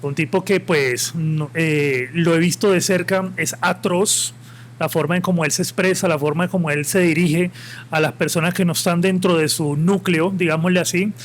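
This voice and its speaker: Impassioned high-voiced Colombian coastal man. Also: fairly even intonation, moderate pace, a little hiss or hum. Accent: Colombian Caribbean coast. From Colombia, Caribbean coast (Santa Marta). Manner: impassioned, opinionated, rambling with restarts. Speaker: podcast guest. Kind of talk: live podcast discussion. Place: live podcast event with audience.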